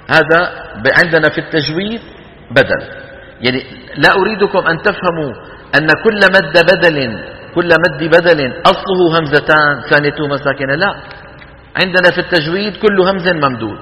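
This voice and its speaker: Lively teacher in a reverberant hall. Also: male voice, fairly high pitch, a little hiss or hum. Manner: lively, asks the class questions and demonstrates long vowels. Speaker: Quran recitation teacher. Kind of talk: classroom lecture.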